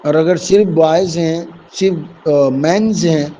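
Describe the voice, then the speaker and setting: A man's voice: on the high side, dark tone, a little hiss or hum, low-quality recording. A man teaching a vocabulary lesson, explaining English words one by one with Urdu and Hindi meanings and calling his listeners dear students.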